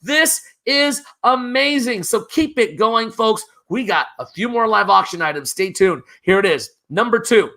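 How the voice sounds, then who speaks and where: An upbeat charity auctioneer running a live virtual auction. The voice is bright and forward, and it keeps urging bidders on by name without letting up. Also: medium pitch, lively intonation, measured pace, few pauses. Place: virtual gala broadcast.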